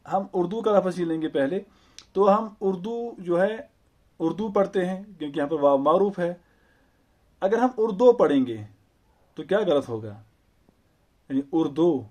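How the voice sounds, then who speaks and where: A man teaching an Urdu grammar lesson, explaining slowly and patiently with repeated examples and rhetorical questions. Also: on the high side, darkish tone.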